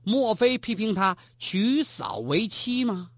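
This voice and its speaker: A man's voice: high voice, sing-song, slow pace, no room sound, exaggerated voice. A man voicing an old retired emperor who speaks coldly and grumbles in a storytelling performance. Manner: cold, grumbling. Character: old retired male emperor, stern and touchy.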